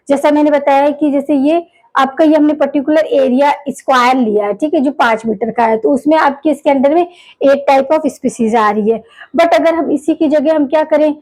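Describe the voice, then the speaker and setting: A woman teaching a biology lesson, asking questions and answering them herself, with English terms mixed in and definitions spelled out slowly. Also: high-pitched, darkish tone, low-quality recording. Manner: asks questions and answers them herself, keeps saying "theek hai"; mixes English terms into Hindi speech. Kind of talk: classroom lecture.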